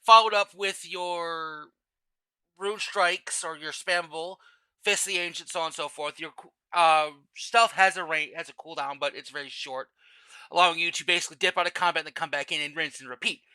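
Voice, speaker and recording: A tired gamer narrates a casual guide voice-over explaining a game class, rambling and often stopping to correct himself. His voice is fairly high, a little fast, bright, forceful and smooth, though the recording is rough.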